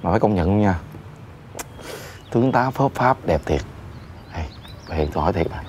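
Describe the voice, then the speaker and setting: An actor playing a cheeky, nosy restaurant worker, speaking with a Southern Vietnamese accent in a teasing, nagging comedy sketch. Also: male voice, low-pitched, lively intonation, normal speed, a little mellow, slight background noise. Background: background music.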